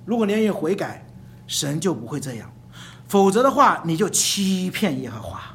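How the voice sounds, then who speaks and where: A preacher giving a sermon to a congregation, emphatic and animated, acting out examples and repeating phrases for emphasis. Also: mid-range voice. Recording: echoey room with faint hum.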